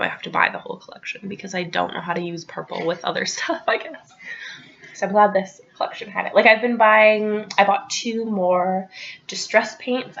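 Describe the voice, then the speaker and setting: A woman's voice: medium pitch, a bit bright, dull audio. A young woman chatting casually over her scrapbooking, rambling with lots of ums and likes. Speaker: crafting vlogger.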